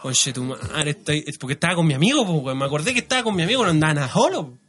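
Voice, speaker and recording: A young Chilean man telling a crude, animated story in casual chat as a podcast co-host. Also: fairly high pitch, rapid-fire, a crowd in the background. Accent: Chilean Spanish. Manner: crude, lively storytelling with voices and slang.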